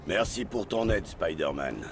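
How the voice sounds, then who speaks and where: Stern spy chief giving orders. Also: male voice, low-pitched, animated, unhurried, gravelly, noisy background, full character voice. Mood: commanding. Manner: curt, issues orders. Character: stern male spy agency director, commanding. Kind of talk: French video game dub. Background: game music.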